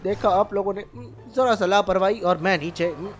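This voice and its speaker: A man commentates gameplay for his gaming channel, excitable and teasing, using character voices and lots of exclamations. He's high-pitched and fairly quick, with faint music in the background.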